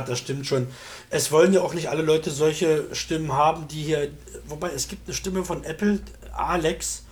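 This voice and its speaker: Higher-pitched man in casual tech talk. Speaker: discussion participant demonstrating software. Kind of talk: casual technical chat.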